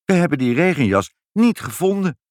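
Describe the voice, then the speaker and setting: A man's voice: a little high, big pitch swings, brisk, darkish tone, no room sound, studio quality, voice pushed up. A man voicing a curious, cheerful little girl in a storybook reading, in an eager, raised voice.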